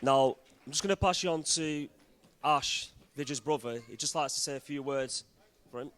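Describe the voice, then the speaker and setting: A man's voice: a little high, moderate pace, a bit bright, some chatter behind, slight background noise. Man giving a jokey wedding toast. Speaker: wedding speaker proposing a toast.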